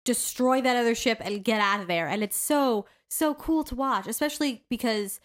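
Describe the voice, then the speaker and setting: A young woman co-hosting a casual podcast, gushing excitedly about a show and acting out the characters' lines. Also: a little high, normal speed. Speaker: podcast co-host. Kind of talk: casual chat.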